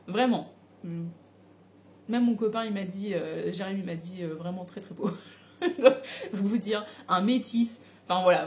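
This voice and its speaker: A young woman telling a personal story in a casual, animated way, with slang and frequent laughter. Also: medium pitch. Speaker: vlogger.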